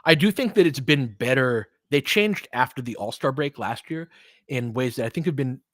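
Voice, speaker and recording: Clipped phrases carry this man's live basketball play-by-play, delivered in a mid-range voice with no echo. He's both the commentator and the host, mixing in casual, conversational analysis.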